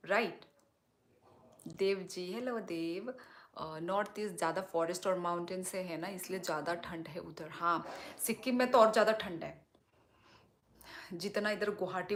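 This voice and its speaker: Young woman from tripura on a livestream, slow easy talk, reads comments out and replies to everyone. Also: on the low side, fairly bright tone. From Tripura, India. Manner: chatty, answers viewers one by one. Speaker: livestream host reading comments. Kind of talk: casual live-stream chat.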